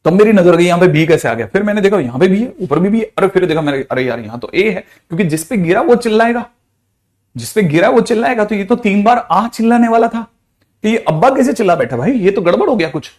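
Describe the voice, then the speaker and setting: A man's voice: high-pitched, expressive, quick pace, darkish tone. A man, a physics teacher giving a chatty, playful lecture. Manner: chatty, playful, with mixed Hindi-English math terms.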